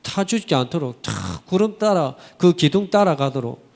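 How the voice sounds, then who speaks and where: A man's voice: a little high, normal speed, creaky. A man preaching a Sunday sermon, asking his congregation rhetorical questions and using vivid everyday expressions. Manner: animated, vivid colloquial storytelling. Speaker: pastor. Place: church sanctuary. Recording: church hall reverb.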